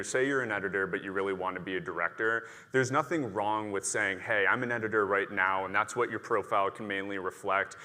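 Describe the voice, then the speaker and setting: A man's voice: lowish voice, pushed and bright. A young man giving an earnest, encouraging talk at an expo, with a playful touch. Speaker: presenter. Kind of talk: conference talk. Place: large expo hall. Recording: long hall reverb.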